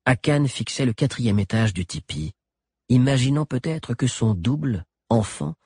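A man narrating an audiobook with an expressive, dramatic delivery. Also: medium pitch, measured pace, breathy edge, no room sound, studio quality.

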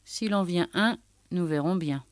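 Rowdy young soldier man, as a woman reads him, loud, jeering, high-pitched shouts, storybook reading. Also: a little slow, no room sound, studio quality, close to an everyday voice. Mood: jovial. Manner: boisterous, bellowing and gleefully mocking. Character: loud boisterous young male soldier on leave.

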